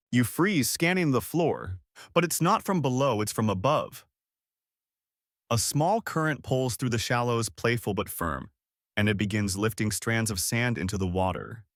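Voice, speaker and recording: Guy narrating a nature doc, calm and wry, swoops up and down a lot, dry close mic. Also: medium pitch, no room sound. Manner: calm and wry, speaking to the listener as "you". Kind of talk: scripted nature documentary narration.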